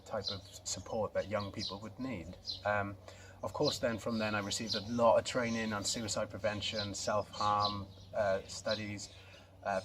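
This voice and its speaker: Against a noisy background, a Swansea man with a lowish voice and South Welsh accent gives a casual, off-the-cuff and slightly hesitant introduction. He presents himself as a co-founder of an organisation working on youth mental health.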